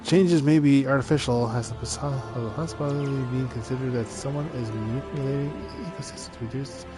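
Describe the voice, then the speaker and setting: A man's voice: medium pitch, brisk. Man reading game dialogue over music. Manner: reads game dialogue aloud, stumbling over words. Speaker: video game streamer. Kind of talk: let's play commentary.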